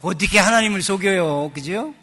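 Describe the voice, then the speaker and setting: A middle-aged man preaching a sermon as pastor. He swings between hushed asides and loud emphasis and acts out quoted voices in a chatty, joking tone. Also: high voice, normal speed.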